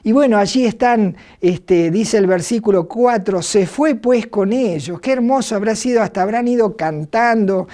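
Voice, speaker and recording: A woman's voice: medium pitch, normal speed, few pauses, mellow. A middle-aged woman with an Argentine accent, preaching by retelling a Bible story, hesitant and full of fillers. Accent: Argentine Spanish. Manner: hesitant, many fillers and restarts.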